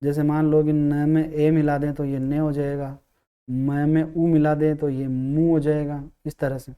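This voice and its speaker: A man teaching an English grammar lesson, explaining step by step, asking himself questions and sounding out syllables slowly. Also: a little high, little pitch movement, dark tone, clean tone.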